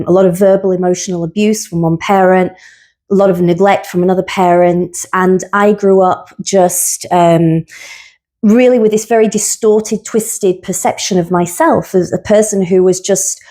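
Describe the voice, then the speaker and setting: Woman guest, psychotherapist, candid and earnest, mid-pitched voice, steady personal storytelling. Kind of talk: personal reflective conversation.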